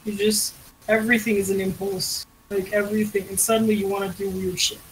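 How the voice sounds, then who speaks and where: A woman's voice: medium pitch, level tone, fairly quick, low-quality recording. A young woman streamer chatting casually and rambling, laughing and swearing freely as she talks. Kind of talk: casual chat on a drawing stream call. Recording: faint background noise.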